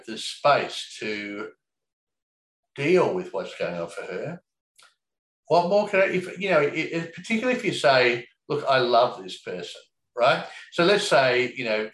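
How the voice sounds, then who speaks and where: A man speaking in an easygoing, reflective way, circling his points with plenty of fillers and a casual swear here and there. His voice sits at a middling pitch. The recording carries a noticeable room echo. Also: very animated, normal speed, fairly bright tone. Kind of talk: casual conversation. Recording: echoey room.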